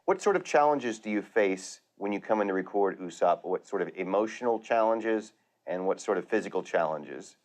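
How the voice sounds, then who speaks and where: A man interviewing a voice actor calmly in a casual interview. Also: on the low side, normal speed, slight background noise.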